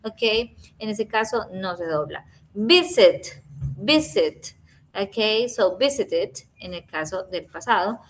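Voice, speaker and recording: A woman teaching a grammar lesson, explaining patiently and often checking in with her students. She repeats each example word slowly. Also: medium pitch, low-quality recording. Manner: repeats and stretches example words. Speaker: English teacher.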